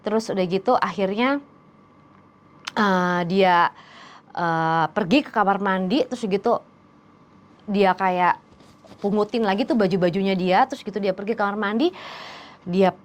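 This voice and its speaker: A woman's voice: medium pitch, measured pace, pauses often. A woman narrating a dramatic story in a casual, chatty way, talking directly to her listeners. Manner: chatty, addresses listeners directly, many fillers.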